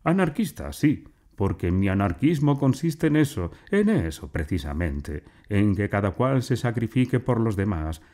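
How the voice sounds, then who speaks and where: A man's voice: lowish voice, sing-song, moderate pace, hardly any pauses, dark tone, voice pushed up. A man voicing a pompous older uncle who declaims lofty ideals, in a storybook reading. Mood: declaiming.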